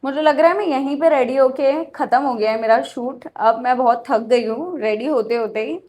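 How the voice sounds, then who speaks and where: A woman's voice: high-pitched, normal speed, a little mellow. A young Indian woman vlogging casually about her makeup and outfit, switching between Hindi and English. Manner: chatty, mixing Hindi and English. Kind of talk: casual beauty vlog narration.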